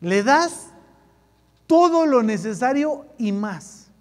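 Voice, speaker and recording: A man's voice: extremely high pitch, expressive, slow pace. A man giving a joking, slang-filled sermon to a youth group. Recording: echoey hall reverb.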